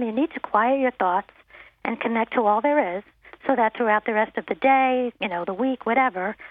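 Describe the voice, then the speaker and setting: A woman's voice: on the high side, no room sound. A woman medium speaking as an interview guest, earnest and reassuring, often saying "you know". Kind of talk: phone-in interview. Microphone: telephone. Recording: narrow telephone line.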